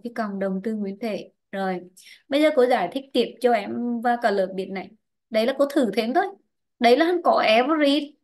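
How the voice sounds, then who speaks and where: A woman English teacher running an online class, quizzing students by name and explaining grammar rules patiently. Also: a little high.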